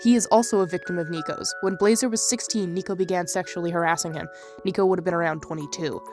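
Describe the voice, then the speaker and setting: A woman's voice: on the low side, steady tone, quick pace, darkish tone, soft background music. A woman hosting a commentary channel, narrating in a blunt, scornful way.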